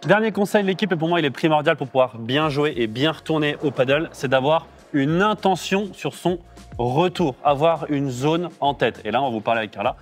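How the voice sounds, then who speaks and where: A man's voice: a little high, animated, a little fast, soft background music. A young man presenting an informal padel tutorial in an explanatory, conversational way. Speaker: padel player and coach-like presenter. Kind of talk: casual tutorial talk.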